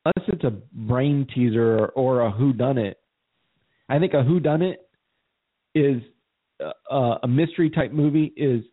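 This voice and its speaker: Rambling man co-host on phone-quality audio. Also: medium pitch. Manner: rambling, repeats words while thinking aloud. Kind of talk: casual conversation.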